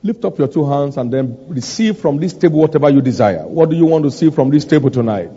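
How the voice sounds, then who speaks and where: A man with a fairly high, dark, husky voice preaches and prays aloud as a pastor, talking fast with lively intonation, fervent declarations and repeated phrases. Recorded in a large church hall, the sound is dull with long reverb.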